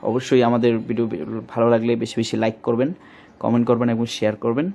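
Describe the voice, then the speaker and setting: Here a Bangladeshi-accented shop presenter gives a casual product demo at a quick pace, his medium-pitched voice a little mellow and completely flat. He repeats points and reaches for words, leaning on filler placeholders. The recording carries faint background noise.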